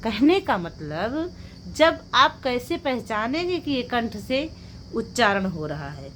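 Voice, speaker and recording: A woman's voice: on the high side, sing-song, takes it slowly, fairly bright tone, slight background noise. A woman teaching an exam-prep lecture, asking the class questions and then answering them herself. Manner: drills points with rhetorical questions and repeats the answers.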